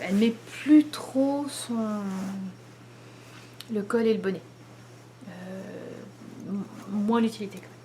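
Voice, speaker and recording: A woman, likely in her thirties, chatting casually to the camera at home as host of a knitting video, pausing often with many fillers. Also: mid-range voice, a little mellow, slight background noise. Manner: hesitant, many pauses and fillers.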